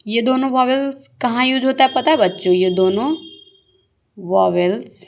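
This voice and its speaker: A woman teaching a shorthand lesson. She asks her pupils questions, answers them herself, and repeats the key words slowly. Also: fairly high pitch, fairly even intonation, vocal fry, a little mellow. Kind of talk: classroom-style shorthand lesson.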